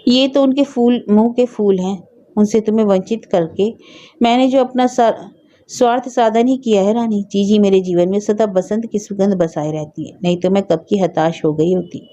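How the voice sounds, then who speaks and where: A woman reading as a gentle, patient young sister-in-law. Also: medium pitch, moderate pace, lo-fi sound, lightly acted.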